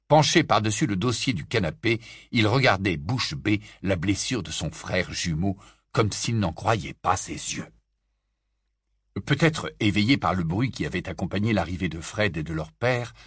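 A man reading an audiobook aloud in a hushed, storytelling way, his pitch moving a great deal. The recording is close and dry. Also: husky, no room sound. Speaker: audiobook narrator. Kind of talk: scripted narration.

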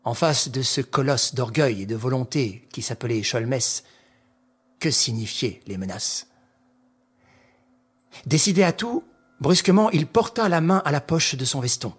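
A man narrating a classic novel aloud in a slow, measured, dramatic reading. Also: medium pitch, expressive, slightly rough.

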